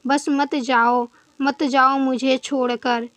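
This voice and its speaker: A woman's voice: sits high, little pitch movement, slow, a bit bright, no room sound. A woman voicing a desperate young husband who pleads in a frantic way. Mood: pleading.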